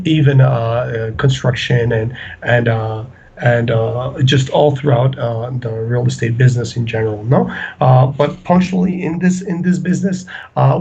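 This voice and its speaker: Hesitant man, husky fry, muffled lo-fi line. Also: medium pitch, darkish tone. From Ecuador. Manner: hesitant, many fillers and restarts. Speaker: real estate agent. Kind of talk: interview answers.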